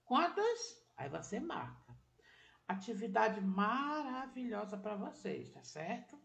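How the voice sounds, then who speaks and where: A woman's voice: mid-range voice, sing-song, takes it slowly, vocal fry, fairly bright tone. A woman teacher giving a patient remote literacy lesson to children, walking through each step and checking that they follow along.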